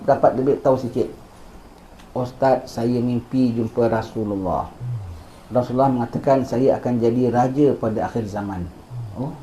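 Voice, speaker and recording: A man's voice: a little high, dark tone. A male religious teacher, giving a lecture, repeating his points and asking listeners "Ha?", with English words mixed in. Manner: repetitive, asks listeners "Ha?", mixes English words. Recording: roomy, dull recording.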